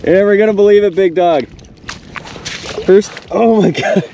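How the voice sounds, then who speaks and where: A young man vlogging his fishing trip outdoors on a frozen lake, talking excitedly and laughing often into an action camera. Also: high-pitched, moderate pace, gravelly. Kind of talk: excited outdoor vlog chat. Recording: outdoor wind noise on camera mic.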